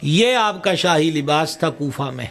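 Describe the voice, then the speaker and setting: A man's voice: fairly high pitch, lively intonation, gravelly, a bit bright, soft background music. A man giving an impassioned sermon, acting out the voices of people in his story. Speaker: preacher.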